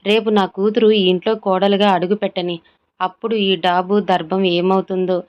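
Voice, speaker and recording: A woman's voice: medium pitch, level tone, normal speed, a little mellow, muffled recording, lightly acted. A woman voicing a scheming greedy father. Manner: sneering, muttering to himself. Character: scheming greedy middle-aged father plotting inheritance.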